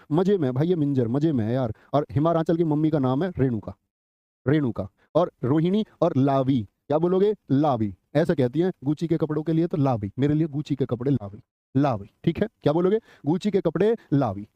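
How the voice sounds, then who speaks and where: Brisk teacher man, dry lo-fi sound. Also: a little high, no room sound. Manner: scolding then joking, calls students brother. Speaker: exam coaching teacher. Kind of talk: live online class with mnemonics.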